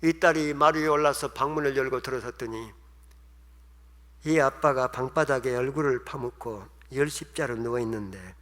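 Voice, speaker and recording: A man's voice: mid-range voice, moderate pace, a bit bright. A man preaching a sermon, telling a story with emotion and acting out the voices of the people in it. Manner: emotional, acts out quoted voices. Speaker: pastor. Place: church sanctuary. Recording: long hall reverb.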